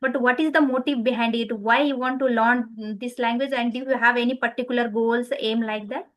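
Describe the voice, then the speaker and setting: Woman, somewhat high voice, friendly casual english chat, lots of yes yes. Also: steady tone, brisk. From Nepal. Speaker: conversation partner asking questions. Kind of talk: casual conversation practice.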